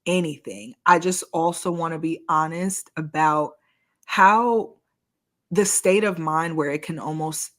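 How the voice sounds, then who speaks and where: A woman co-hosting a podcast, telling a personal story in casual chat, animated and full of "like" and self-mocking laughs. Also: low-pitched, a little slow. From United States. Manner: animated storyteller, heavy use of "like", laughs at herself. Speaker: podcast co-host.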